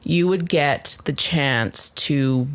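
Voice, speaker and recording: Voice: mid-range voice, drawn-out words, dry recording. A podcast co-host chatting casually, hesitant with many fillers. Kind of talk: casual chat.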